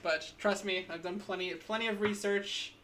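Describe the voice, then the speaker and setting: A woman in her twenties co-hosts a casual podcast, rambling with plenty of "likes" and "ums." Her mid-range voice has a fairly bright tone, fairly even intonation, and a moderate pace, with slight background noise behind it.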